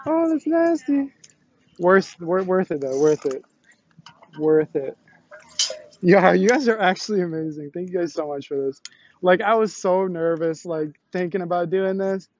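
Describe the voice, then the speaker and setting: Young man, live streamer, high-pitched, excitable, slangy, out of breath, dull dry outdoor phone audio. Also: moderate pace. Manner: excitable, laughs often, swears, slangy. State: out of breath and sweaty after push-ups. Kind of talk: casual live-stream chat. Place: outdoors on a busy college campus. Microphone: selfie stick tripod.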